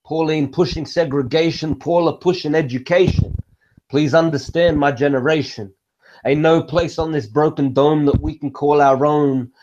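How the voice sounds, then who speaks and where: A man's voice: fairly high pitch, steady tone, normal speed, darkish tone, a little hiss or hum. A young man from Egypt performing spoken word poetry on a video call from a small room at home, with a rhythmic, rhyming delivery. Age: young adult. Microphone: laptop webcam on video call. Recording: dull lo-fi video call audio.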